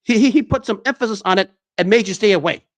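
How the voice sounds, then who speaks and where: A man's voice: sits high, quick pace, fairly bright tone. A man hosting a sports talk show, delivering an enthusiastic commentary monologue with frequent restarts and fillers.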